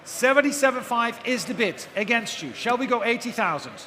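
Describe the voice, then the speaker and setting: A man's voice: very high-pitched, animated, fairly quick, pushed and bright. A man working as an auctioneer, calling bids live in a repetitive chant and prompting bidders for the next figure. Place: large auction hall with live audience. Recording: echoey noisy hall, amplified live event.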